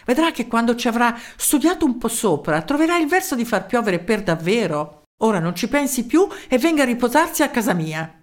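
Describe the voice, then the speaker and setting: A woman voicing a jolly male village mayor in a storybook, brisk and hearty. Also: fairly high pitch, sing-song, pitched above the performer's own voice. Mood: kindly.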